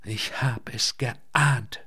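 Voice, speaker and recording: A man's voice: medium pitch, extremely slow, pushed and bright, husky, heavily acted. A man reading the part of a pale, distraught chief archivist who groans and then grows agitated in an audiobook. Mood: groaning lament.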